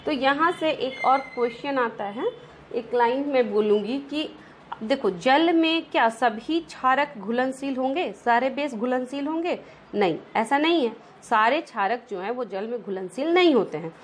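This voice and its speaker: A woman's voice: on the high side, a little hiss or hum. A woman teaching a science lesson over slides, often checking in with rhetorical questions and mixing English terms into her explanations.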